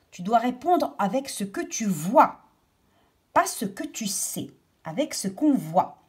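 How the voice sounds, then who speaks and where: Slow, lilting woman teacher. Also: on the high side, breathy edge. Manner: slow, patient explaining of words to children. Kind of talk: reading and explaining a children's story.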